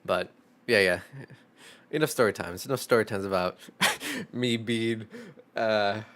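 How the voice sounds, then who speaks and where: A man's voice: on the low side, big pitch swings, unhurried, a bit bright. A young man streaming live, chatting casually in a rambling, profane way full of fillers.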